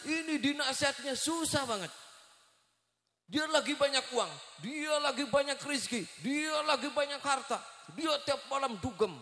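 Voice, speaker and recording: A man's voice: very high-pitched, fairly bright tone. A man with a West Javanese accent preaching a comic storytelling sermon, asking the audience questions as he acts out the voices in his story. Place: large echoey venue at a live gathering. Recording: echoey hall with long reverb.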